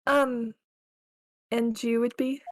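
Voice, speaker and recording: A woman voicing a meek, polite, easily upset young female college student testifying in a comedic courtroom game read-along, halting and sweetly earnest. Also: fairly high pitch, flat delivery, slight background noise. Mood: timid, polite.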